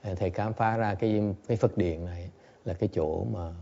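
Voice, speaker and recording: A man's voice: sits low, fairly quick, gravelly, warm tone, dull audio. A man teaching Zen meditation in a dharma talk at a temple, repeating each point in two languages with chuckling asides. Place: temple Buddha hall.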